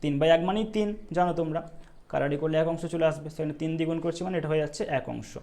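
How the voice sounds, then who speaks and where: A male math teacher working through exam problems step by step, often asking the students if it is clear and telling them not to worry. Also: on the high side, fairly even intonation, very fast, dark tone. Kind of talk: exam-prep math lesson.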